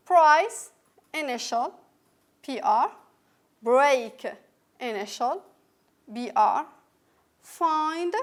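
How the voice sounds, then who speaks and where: Slow, high-voiced woman teaching English. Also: a bit bright. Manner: slow, patient, repeats words and letters for learners. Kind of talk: recorded classroom lesson.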